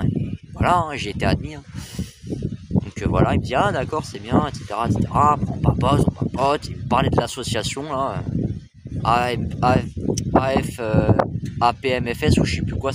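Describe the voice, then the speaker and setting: A man's voice: medium pitch, moderate pace, heavy background noise. A young man talking casually to his camera as a train-spotting vlogger, rambling, often stumbling and correcting himself. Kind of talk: casual face-cam vlog.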